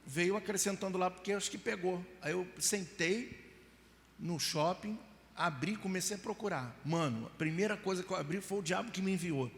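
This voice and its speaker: A middle-aged Brazilian pastor with a high voice, vocal fry, and a Brazilian Portuguese accent preaches a sermon at a moderate pace, sharing personal stories. He acts out scenes with different voices and mock crying, rising at times to shouts. The live church hall recording carries reverb, with faint music behind him.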